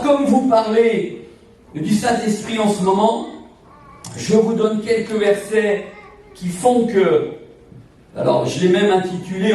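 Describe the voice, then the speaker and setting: A man in his sixties, originally from Portugal, delivers a sermon in a strikingly high voice. He builds his points through emphatic repetition in a preacher's cadence. The sound comes from a distance, with heavy church echo around every word. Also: mellow, slight background noise. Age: 60s. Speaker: evangelist preacher. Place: church sanctuary. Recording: echoey church from far off.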